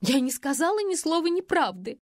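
Woman voicing a tearful young swindler, high and pleading. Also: expressive, a little slow, slightly rough, no echo, clean studio sound, full character voice.

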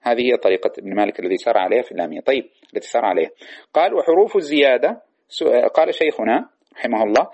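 A man teaching a classical grammar lesson, asking and answering his own questions and slowly reciting lines of verse. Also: on the low side, expressive, a little mellow. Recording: dull lo-fi recording.

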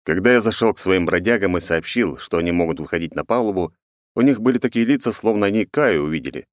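A man narrating a first-person audiobook in a sardonic, deadpan manner. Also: deep voice, fast talker, dry recording.

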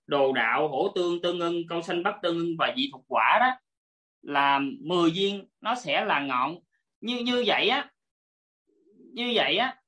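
A woman's voice: on the low side, a bit bright. A woman teaching an online class over a video call, politely explaining step by step and repeating her points.

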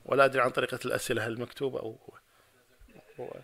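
A man giving a religious lecture and answering audience questions, who retells a debate as dialogue and builds to forceful, repeated points. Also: mid-range voice, level tone, rapid-fire. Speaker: Islamic scholar giving a lecture.

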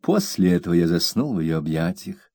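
Dark-toned male audiobook narrator. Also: sits low, sing-song, brisk, no echo, studio quality. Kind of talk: first-person novel narration.

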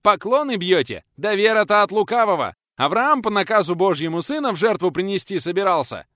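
A man voicing an older retired male schoolteacher, stubborn and quick to fly into a shouting rage. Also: very animated, no echo, studio quality. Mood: enraged. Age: 60s. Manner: shouting indignantly, high and strained.

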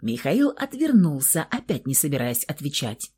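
A woman narrating a novel aloud in an expressive, dramatic audiobook style. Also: low-pitched, normal speed, husky.

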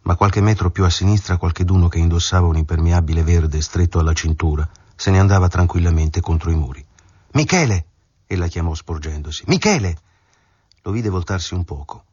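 A man narrating a novel aloud in a calm, measured reading, in a dull, dry studio recording. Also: deep voice, breathy edge, no room sound. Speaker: audiobook narrator. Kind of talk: scripted literary narration.

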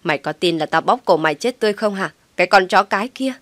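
A drunk husband in an audio story, as a woman voices him slurs and snarls back. The voice is lowish and dry. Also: fairly even intonation, normal speed, a bit bright, dry recording, natural voice. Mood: drunk, angry. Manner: slurred, belligerent. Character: drunk slurring husband Tuấn.

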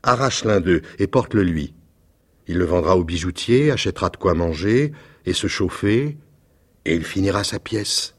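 A man voicing a gentle, sorrowful statue prince in a storybook reading, low, slow and solemn. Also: lively intonation, slightly rough.

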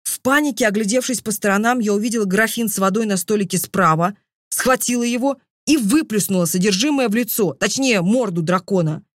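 Expressive woman audiobook narrator. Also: mid-range voice, brisk, no echo, studio quality. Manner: expressive, dramatic reading. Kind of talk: first-person audiobook narration.

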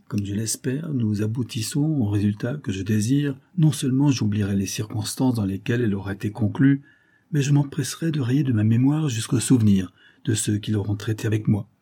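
A composed, imperious avenger from an old serial novel, as a male narrator puts him on. He speaks incisively, with unshakable authority. The voice is husky and mellow, lifted slightly above the reader's own. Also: fairly low pitch, a little fast. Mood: businesslike. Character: calm, commanding male avenger of great authority.

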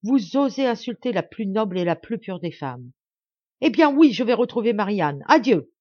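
Furious young nobleman voiced by a woman, forceful declaiming, slightly raised pitch, dull lo-fi sound. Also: lively intonation, normal speed, no room sound, lightly acted. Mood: indignant.

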